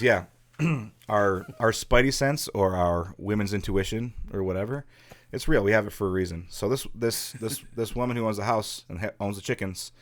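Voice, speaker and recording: A man hosting a podcast, telling a ghost story in a casual, rambling way with many restarts. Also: on the low side. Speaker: podcast host.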